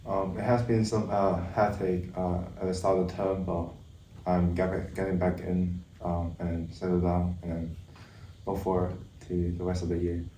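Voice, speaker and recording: Young man, student guest, hesitant speech, deep monotone, dark timbre, roomy distant sound. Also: a little slow, slight background noise. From Hong Kong. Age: young adult. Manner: hesitant, many fillers and restarts. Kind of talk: casual chat. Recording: echoey room, distant mic, faint ambience.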